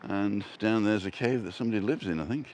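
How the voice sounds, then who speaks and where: Walking a seaside path on a live stream, a Yorkshire-accented vlog host talks fast in a lowish, darkish voice, joking around and reading out viewer comments. There's slight background noise.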